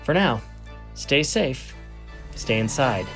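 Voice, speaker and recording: A man's voice: mid-range voice, animated, slow, creaky, loud music behind the voice. A man playing an earnest amateur investigator, narrating his podcast in a scripted first-person style. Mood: eager, giddy.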